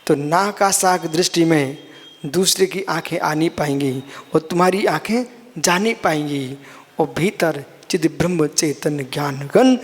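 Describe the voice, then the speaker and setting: A man's voice: high-pitched, husky, in a large hall. A man, a Jain monk, giving a sermon, explaining scripture line by line and calling his listeners son and brother.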